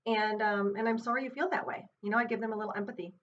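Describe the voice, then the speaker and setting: A woman teaching self-compassion, guiding an exercise in a gentle, unhurried way and thinking aloud with fillers and restarts. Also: mid-range voice, steady tone. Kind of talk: guided exercise with her child. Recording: distant, muffled mic with faint hiss.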